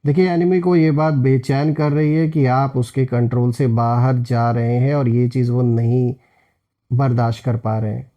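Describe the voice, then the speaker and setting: A man hosts a tarot reading, explaining things and speaking to viewers directly as friends. His medium-pitched voice moves little in pitch at normal speed, and the highs are cut off.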